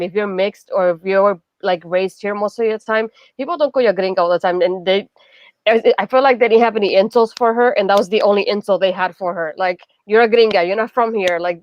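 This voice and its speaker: This Puerto Rican woman talks quickly in a casual book chat, with a Puerto Rican accent and a steady stream of "like". Her voice sounds dry and close, but the audio is a bit dull and lo-fi. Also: medium pitch, no room sound. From Puerto Rico. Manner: chatty, frequent "like", animated asides. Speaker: book club co-host.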